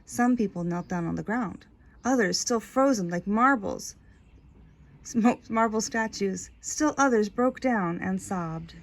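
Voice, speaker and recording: In a low-quality recording, a woman with a mid-range voice and vocal fry reads a children's story a little slowly. Her narration is expressive, with key words stretched out and a few casual asides.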